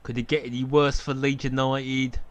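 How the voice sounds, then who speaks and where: A man's voice: mid-range voice, little pitch movement, moderate pace. A man giving casual live football commentary from an outdoor stadium on a cold evening, chatty and opinionated and laughing at his own jokes.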